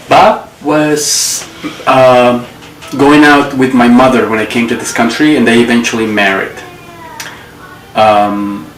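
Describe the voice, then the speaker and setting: A man's voice: medium pitch, fairly bright tone, a little hiss or hum. Man in his forties, distant and roomy. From Colombia. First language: Spanish. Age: 40s. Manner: reflective storytelling, pausing to recall details. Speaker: interviewee. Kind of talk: personal life story. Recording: roomy echo, distant mic, faint ambience.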